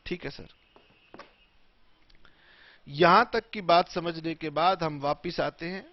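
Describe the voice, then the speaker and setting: A man teaching tax law in a classroom lecture, mixing Hindi and English in a slow, emphatic way. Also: fairly high pitch, no echo, dull audio.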